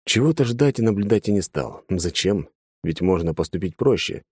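Deep, dark-voiced male audiobook narrator. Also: animated, moderate pace, slightly rough, dry recording, clean studio sound. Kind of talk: first-person audiobook narration.

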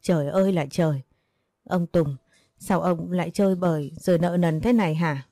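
A woman's voice: lowish voice, normal speed, mellow, no room sound, clean studio sound, close to an everyday voice. A woman voicing a poor, distraught middle-aged village wife who laments and pleads.

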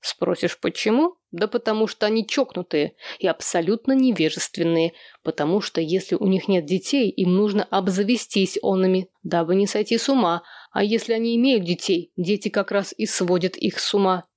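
A woman's voice: mid-range voice, moderate pace, few pauses, a little mellow, no echo, close to an everyday voice. Woman reading as a teasing father, dry, mocking, audiobook, dry close sound.

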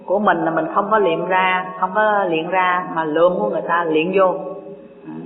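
A Buddhist dharma teacher gives an unhurried sermon, asking rhetorical questions and reading scripture aloud. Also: medium pitch, fairly even intonation. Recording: echoey hall, tinny lo-fi line, faint music.

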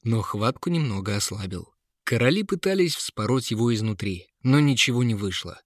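Мужчина читает сказку с выражением. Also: male voice, mid-range voice, moderate pace, no echo, studio quality. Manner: expressive storytelling. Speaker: narrator. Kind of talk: audiobook fairy-tale narration.

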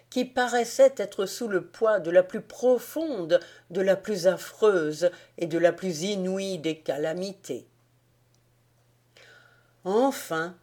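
Woman, audiobook narrator, slow and measured, lowish voice. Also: darkish tone. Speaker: audiobook reader. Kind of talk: scripted narration.

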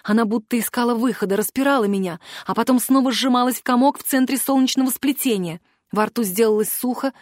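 A woman narrating a first-person fantasy audiobook in an expressive, emotional way. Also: a little high, dry recording, studio quality.

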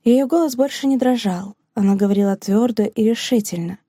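A woman reading a novel aloud as an audiobook narrator, with measured, even storytelling. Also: a little high, no room sound, clean studio sound.

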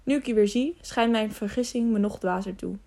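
A woman performs an audiobook role as a serious older male knight who speaks earnestly and with measure, acting it lightly. Her voice is medium-pitched, brisk, creaky, and dark in tone.

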